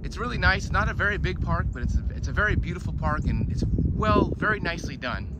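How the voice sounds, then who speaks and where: Talking fast in a high, animated voice, a male guide walks his group through a public park and explains what they're seeing. The clip was recorded outdoors, and urban ambient sound is audible throughout.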